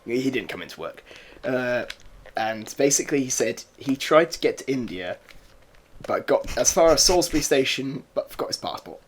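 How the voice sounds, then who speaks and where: A man's voice: medium pitch, expressive, normal speed, a little hiss or hum. A young English man co-hosting a podcast, rambling through stories in casual chat with many fillers and laughs. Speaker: podcast co-host.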